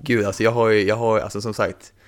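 A man who works as a DJ, chatting casually in a rambling way with lots of fillers. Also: fairly low pitch. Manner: relaxed, rambling, many fillers. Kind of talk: casual chat.

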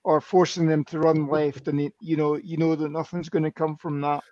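Higher-voiced man, dull dry mic. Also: level tone, a loud crowd. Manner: fast, detailed run-through of players and plays. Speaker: podcast co-host. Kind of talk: casual fan podcast analysis.

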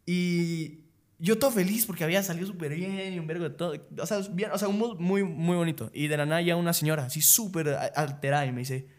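Young Guatemalan guy, slightly high voice, animated chatty storyteller who laughs a lot. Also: fast. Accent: Guatemalan Spanish. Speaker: youtuber guest. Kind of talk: casual podcast chat.

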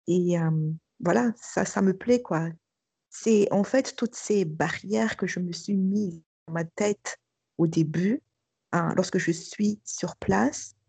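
A middle-aged woman speaks in a low, husky, gravelly voice with a dark, mellow tone. She gives a personal testimony hesitantly, pausing on fillers and restarting her phrases. The recording is dry and close. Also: no echo. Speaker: school director. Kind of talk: testimony interview.

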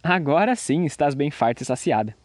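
A man voicing an older, hot-tempered tailor who shouts indignantly. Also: on the high side, animated, fairly quick, no room sound, natural voice. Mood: coaxing.

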